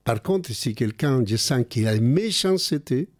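A man's voice: medium pitch, animated, moderate pace, a little mellow, no echo, clean studio sound. An older man with a heavy non-native French accent, talking earnestly in a casual conversation and often repeating words while he looks for the phrasing.

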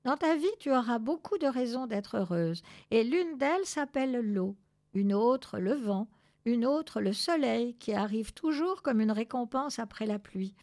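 Wise, kind tomcat, gentle and coaxing, read by a woman. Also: a little high, lively intonation, measured pace.

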